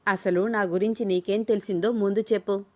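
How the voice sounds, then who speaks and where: A woman's voice: mid-range voice, steady tone, fairly quick, warm tone, lightly acted. Abhiram, a woman reading as a teasing young man. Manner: playful, teasing questions. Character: young man, teasing, smitten office boss. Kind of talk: storybook reading.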